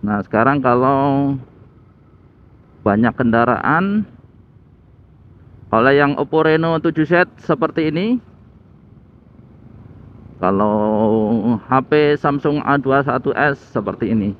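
A motovlogger chats casually while riding his motorbike through city traffic, his medium-pitched voice animated but slow, with frequent pauses. He records on a phone fitted with a homemade headset mic, so the audio sounds tinny. Faint road noise, traffic, and engine sounds fill the background.

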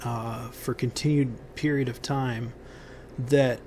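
A man giving unscripted how-to instructions on a building site outdoors, pausing often with ums and restarting his sentences. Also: medium pitch, fairly even intonation, darkish tone, slight background noise. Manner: halting, many ums and restarts.

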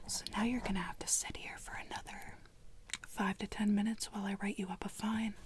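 Girl doing a snippy bossy librarian, whispered role-play, all hushed breathy whisper, talks down to you. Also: mid-range voice, flat delivery, fairly quick, close to an everyday voice. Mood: stern, scolding. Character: rude, condescending, bossy female librarian.

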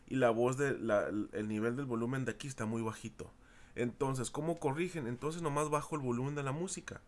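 A middle-aged man delivers a recorded class lecture. He speaks informally and circles back over the same points, often turning to his students directly. His voice sits at an ordinary middle pitch. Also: fairly quick. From Mexico. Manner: informal, repeats himself, addresses students as chicos. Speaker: university audio recording teacher.

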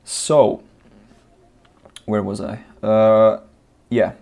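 A young man who isn't a native English speaker rants through a casual gaming vlog, full of fillers and restarts, filmed on a close-framed desk webcam in a small room. His voice sits fairly low with little pitch movement, and he draws out his words with vocal fry and a warm tone.

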